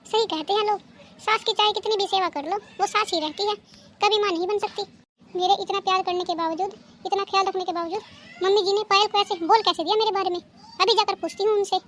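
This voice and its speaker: A woman's voice: very high-pitched, fairly bright tone, a little hiss or hum. A woman voicing a hurt, defiant elder daughter-in-law in a cartoon. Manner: indignant, hurt. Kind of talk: cartoon dubbing.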